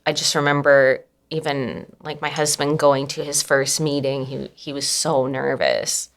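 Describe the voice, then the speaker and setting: A young adult woman speaking as an interview guest, soft-spoken and reflective, with many fillers and nervous little laughs. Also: a bass voice, unhurried. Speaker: anonymous guest. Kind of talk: candid personal interview.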